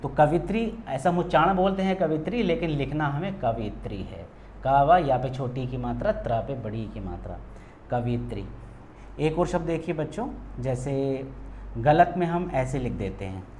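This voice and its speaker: A man teaching a patient spelling lesson, saying words slowly and checking in often with his students. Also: mid-range voice, sing-song, warm tone, slight background noise.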